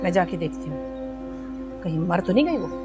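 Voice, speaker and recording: A sharp-tongued, taunting sister-in-law. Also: female voice, fairly low pitch, very animated, unhurried. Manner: taunting, mocking. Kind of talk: TV serial acting. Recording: background music score.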